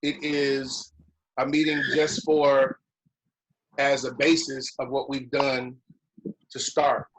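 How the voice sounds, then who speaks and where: A man's voice: mid-range voice, flat delivery, slow, long pauses, low-quality recording. A man hosting an online lodge meeting, talking casually and often answering with "copy that" in a radio style.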